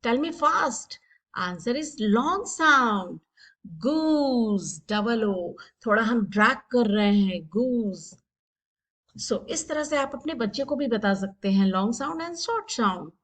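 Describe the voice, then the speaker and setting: Woman, kids' phonics teacher, high voice, Hindi-mix, coaxing. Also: lively intonation, slow pace, fairly bright tone. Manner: mixes Hindi and English, urges kids on. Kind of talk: phonics quiz lesson.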